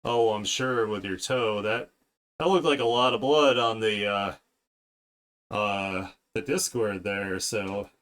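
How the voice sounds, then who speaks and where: A man hosting an art livestream chats casually with viewers as he draws, rambling along while he works. His voice is fairly low with a fairly bright tone, and he takes things slowly.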